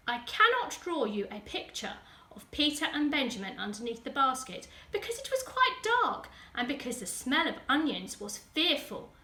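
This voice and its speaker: A woman with an English accent and a high, sharp voice reads a children's story with lively expression, adding dramatic emphasis for young listeners. She's a school teaching assistant, and the distant microphone picks up a roomy echo.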